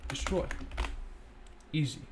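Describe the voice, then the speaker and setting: A man's voice: slow, background noise. A young man casually walking through a coding tutorial, thinking aloud and correcting himself as he goes. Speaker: scripting tutorial host. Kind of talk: casual screen-recorded coding walkthrough.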